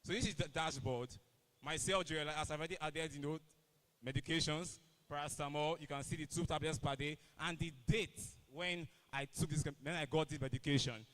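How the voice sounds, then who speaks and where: Nigerian young man, higher-pitched demo talk. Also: fairly even intonation, fairly quick, fairly bright tone. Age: young adult. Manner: casual, repeats "you know". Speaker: student presenter. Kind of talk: live product demo presentation.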